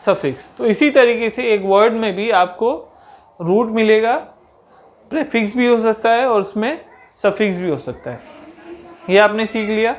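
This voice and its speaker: Teacher quizzing her class. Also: on the high side. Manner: asks rhetorical questions and answers them; slows down for English definitions. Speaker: English grammar teacher. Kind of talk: grammar lesson.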